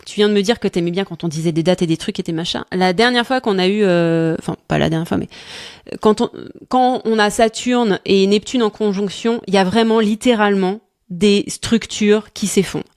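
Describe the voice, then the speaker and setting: A woman's voice: mid-range voice, fairly quick, darkish tone, clear, resonant tone, no echo, studio quality. Hesitant woman talking astrology casually. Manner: searching for words, many hesitations and restarts; laughs easily. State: tired. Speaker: astrology coach co-host.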